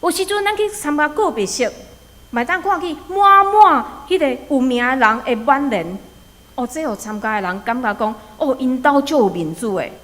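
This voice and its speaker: A woman's voice: high voice, lively intonation, normal speed, fairly bright tone. Taiwanese woman preaching in a reverberant hall. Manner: storytelling, exhorting with rhetorical questions. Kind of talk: sermon.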